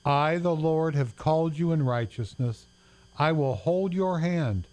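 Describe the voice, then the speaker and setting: Man reading scripture slowly. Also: a little high, a little mellow. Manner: slow, deliberate reading.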